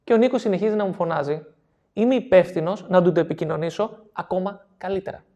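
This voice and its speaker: A man's voice: sits high, mellow. Man, coach, seminar talk, explanatory, repeats key phrases, checks in with listeners. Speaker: NLP coach.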